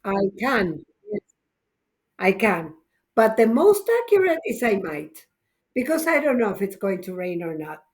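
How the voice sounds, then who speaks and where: Unhurried woman teaching English grammar. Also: mid-range voice, sing-song. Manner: patient, explaining step by step with frequent "ok?". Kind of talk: online class teaching, mixing Spanish and English.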